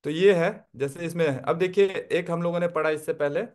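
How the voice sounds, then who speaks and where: A man's voice: on the high side, fairly even intonation, a little fast, a little mellow. A man teaching a Tibetan script class online, explaining step by step and often checking that his listeners follow. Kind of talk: online language lesson.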